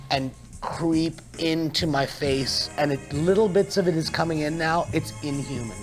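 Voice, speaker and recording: A young man telling a comic story in a playful, mock-dramatic way. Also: on the high side. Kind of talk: comedic storytelling monologue.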